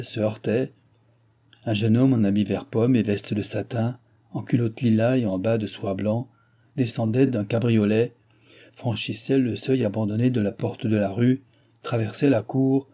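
Low, husky male audiobook narrator. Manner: steady storytelling cadence. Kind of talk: audiobook reading of a classic novel.

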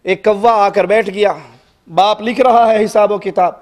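A male preacher with a strikingly high voice delivers an impassioned sermon. He moves between quiet storytelling and forceful, shouted appeals to the congregation. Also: fairly even intonation.

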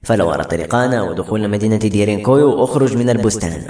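A man voicing the grave male leader of a hidden people, giving measured warnings. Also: lowish voice, darkish tone, reverberant, natural voice.

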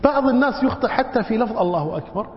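A man's voice: extremely high pitch, lively intonation, very fast. A man teaching a religious lesson, demonstrating mispronunciations by drawing words out and telling anecdotes. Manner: demonstrates wrong pronunciations by drawing words out, tells anecdotes with a chuckle. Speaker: religious scholar teaching a book. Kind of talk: classroom lesson on prayer. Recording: dull lo-fi recording in a reverberant hall.

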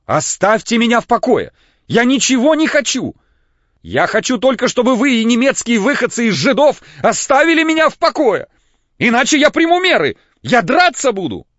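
A man reading an audiobook, voicing an overwrought young man who shouts in a high, cracking voice. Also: very animated, unhurried, no echo. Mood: shouting hysterically. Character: hysterical young man, indignant, near breakdown. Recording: dull, dry lo-fi recording.

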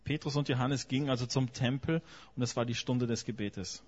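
A man's voice: medium pitch, fairly even intonation, brisk, slightly rough, muffled recording. A man interpreting a sermon phrase by phrase, often hesitating with fillers and correcting himself.

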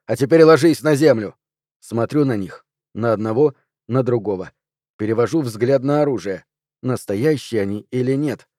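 A man narrates a first-person thriller audiobook, tense and measured. His voice is dark and mellow, recorded dry and close with no room sound. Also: mid-range voice, no room sound.

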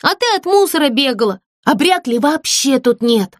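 A woman voicing a boastful, bossy girl doll in a squealing, teasing high voice. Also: animated, normal speed, no echo, studio quality.

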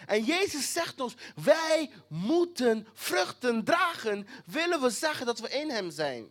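A preacher giving a sermon with emphatic repetition, sometimes dropping to a hushed near-whisper. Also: high voice, big pitch swings, a little slow.

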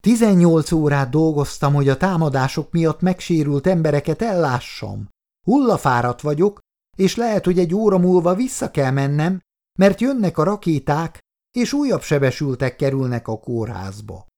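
A woman's voice: sits low, expressive, mellow, pitched above the performer's own voice. A male reader voicing a brave, exhausted young female nurse who speaks up with passion. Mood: indignant. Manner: impassioned, pleading. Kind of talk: audiobook dialogue.

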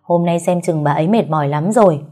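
A gruff older nanny, as a woman reading the story puts her on, scolding and easily flustered. The voice is mellow and dark with a husky grain. Soft music runs in the background. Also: fairly low pitch, brisk, natural voice.

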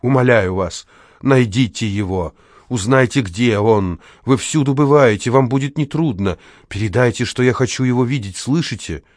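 A man's voice: medium pitch, a little fast, hardly any pauses, no room sound, studio quality, lightly acted. A man voicing an anxious, nostalgic older woman, a fortune-teller, who pleads breathlessly in an audiobook.

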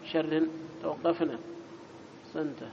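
Man teaching grammar, lo-fi noisy recording. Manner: quizzes students and corrects them briskly; reads the text aloud louder and higher. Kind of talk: classroom lesson with student questions. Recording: dull lo-fi recording with clear background noise.

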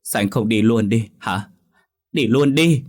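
A man voicing a young pregnant woman, frightened and crying out for her missing husband, with a husky voice. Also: flat delivery, moderate pace, a little mellow, natural voice. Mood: angry, tearful. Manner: crying out in high strained pleas.

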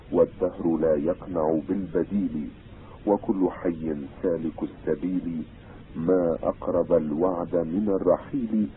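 Male reader doing a resolute, doomed leader: deep, solemn, measured; old tinny radio sound. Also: close to an everyday voice. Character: grave man, leader calmly facing his death. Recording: tinny old radio broadcast, faint hiss.

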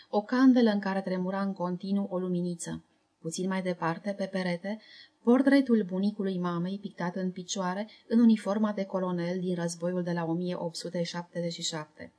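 Calm woman reading a memoir novel. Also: fairly low pitch. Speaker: audiobook narrator. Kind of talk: scripted narration of a memoir novel.

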